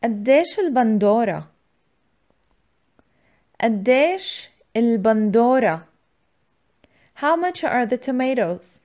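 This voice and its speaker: A woman's voice: on the high side, animated, moderate pace, long pauses, darkish tone. A woman hosting a scripted language lesson, enunciating words and phrases in an instructional way. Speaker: language teacher, channel host.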